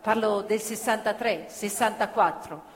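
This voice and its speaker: A woman of medium pitch, speaking a little slowly, narrates a stage play about factory workers with impassioned storytelling that slips into song. She performs as theatre narrator on a theatre stage, recorded live with long reverb and music.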